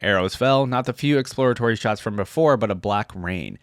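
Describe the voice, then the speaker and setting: A man with a lowish voice talks fairly quickly in a dry, clean studio recording. Hosting a reaction video, he thinks aloud informally, commenting casually while reading story text and game descriptions out loud.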